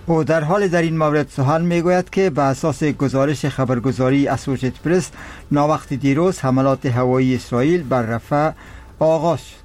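A man with an Afghan accent reading a formal radio news bulletin in a measured delivery. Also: on the high side, darkish tone. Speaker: radio newsreader.

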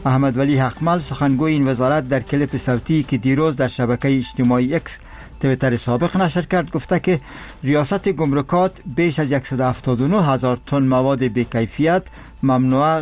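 Reading a radio news bulletin over background music, a man with an Afghan accent speaks formally and in a measured way, his middling pitch carrying a darkish tone.

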